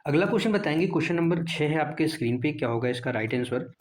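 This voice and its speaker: A man's voice: fairly high pitch, expressive, quick pace, a little hiss or hum. Man teaching an exam-prep lesson. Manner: repeats answers, asks and answers his own questions.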